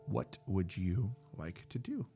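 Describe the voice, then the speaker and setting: A man narrating a tabletop game as game master, halting, with frequent fillers and self-corrections. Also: on the low side, wildly swooping pitch, gravelly, mellow, soft background music.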